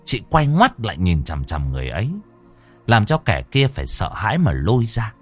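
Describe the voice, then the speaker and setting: A man narrating a horror audiobook in a dramatic, expressive storytelling manner. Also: lowish voice, normal speed, breathy edge, soft background music. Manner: expressive, rising and falling storytelling.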